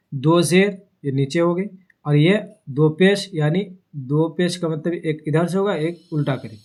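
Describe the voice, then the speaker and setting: Man teaching, slightly higher-pitched voice. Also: a little mellow. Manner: asks questions and answers them himself, repeating key terms; stretches example words slowly. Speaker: Urdu grammar teacher. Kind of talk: classroom-style grammar lesson.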